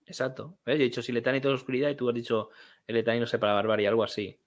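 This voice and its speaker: A man, co-hosting a relaxed livestream, playful and quick to laugh as he reads out suggestions. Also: mid-range voice, no echo, clean studio sound. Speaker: podcast co-host. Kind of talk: casual chat on a livestream.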